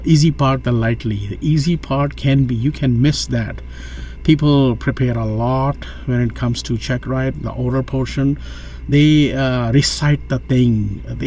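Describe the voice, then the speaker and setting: A man telling a story in a casual vlog style as a student pilot, in a halting, loosely phrased way with some repetition. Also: medium pitch, a little mellow, slight background noise.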